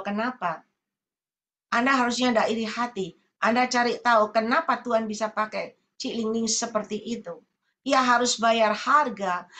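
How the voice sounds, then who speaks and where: A woman's voice: a little high, bright, forceful tone. A middle-aged woman evangelist, preaching earnestly over a video call and often repeating her phrases to her listeners. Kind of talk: sermon over Zoom.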